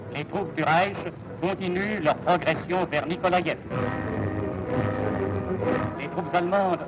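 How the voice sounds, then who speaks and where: A man narrating an old wartime newsreel in a formal, emphatic declaiming manner. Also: fairly high pitch. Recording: dull lo-fi archive film sound with loud music. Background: loud music.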